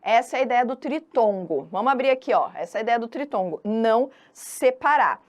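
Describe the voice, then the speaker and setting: A woman's voice: a little high, animated, brisk, dull audio. A woman from Brazil giving an online exam-prep grammar lesson in a chatty, teasing way, drawing out syllables to stress a point. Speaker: Portuguese teacher.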